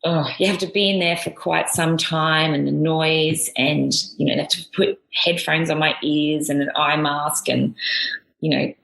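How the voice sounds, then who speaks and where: A woman's voice: deep voice, fairly even intonation, normal speed, vocal fry, fairly bright tone. A middle-aged woman with an Australian accent, a guest talking casually in a rambling way with many restarts. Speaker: guest, air force veteran. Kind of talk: casual interview chat. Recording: echoey room.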